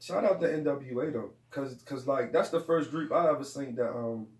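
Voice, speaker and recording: A man who raps, talking in a casual podcast chat. He is animated and profane, laughs often and restarts his sentences a lot. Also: medium pitch, moderate pace, recorded from a distance. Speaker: rapper and podcast guest. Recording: roomy, off-mic, faint noise.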